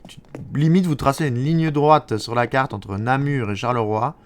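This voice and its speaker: A streamer from Wallonia with a Belgian French accent plays a game while chatting live with viewers, answering them and thinking out loud. His voice is mid-range and his speed normal.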